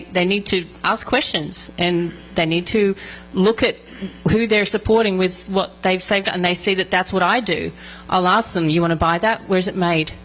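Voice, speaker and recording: Earnest woman, somewhat low voice. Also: fairly bright tone, slight background noise, low-quality recording. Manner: earnest, repeats words as she goes. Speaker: parent speaking at a seminar. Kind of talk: seminar discussion.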